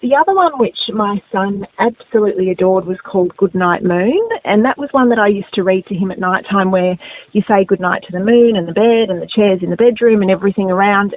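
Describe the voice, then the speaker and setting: Australian female radio host for a conversational interview; average pitch, thin phone-band sound. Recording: narrow phone-like radio audio.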